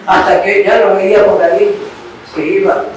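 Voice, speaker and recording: In a very echoey room, with the mic far off and a faint hiss, a man with an Ecuadorian Spanish accent preaches a sermon. His voice is high-pitched and level at a moderate pace as he tells a personal story and checks in with listeners through little questions.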